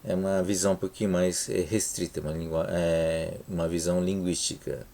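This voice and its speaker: A man's voice: deep voice, flat delivery, mellow. A man teaching a university lecture with a Brazilian Portuguese accent, speaking unhurriedly and checking in often with "tá?" and "né?" while restarting words. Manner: unhurried, frequent "tá?" and "né?" check-ins, many restarts. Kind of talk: recorded lecture over slides.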